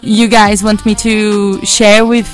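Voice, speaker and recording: A woman's voice: medium pitch, level tone, takes it slowly, faint music behind. A woman from Brazil with a Brazilian Portuguese accent, a guest in a live studio interview who speaks chatty, hopeful English with restarts.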